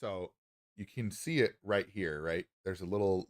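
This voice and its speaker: A man's voice: sits low, normal speed, no room sound, studio quality. A man streaming casually in a groggy morning voice, rambling upbeat into a lapel mic. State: low morning voice. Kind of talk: casual livestream chat.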